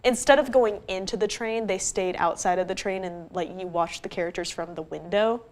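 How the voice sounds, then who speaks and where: A woman's voice: medium pitch, brisk. A young woman co-hosting a casual film review, opinionated and nitpicky, often restarting her sentences. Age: young adult. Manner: opinionated, nitpicky, self-interrupting.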